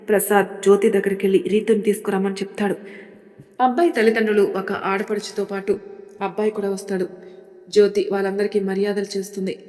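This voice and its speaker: A woman calmly reading a family story aloud as storyteller. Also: mid-range voice. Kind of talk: storybook narration. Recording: long hall reverb.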